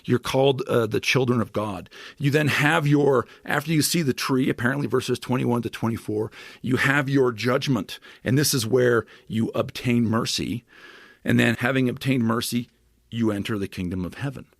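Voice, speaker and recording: Here a scripture scholar guesting on a podcast talks through his ideas with enthusiastic, lecture-style energy, full of asides and quick "right?" check-ins. His mid-range voice is gravelly and creaky. The recording is close and dry, with no room sound, in an explanatory conversation.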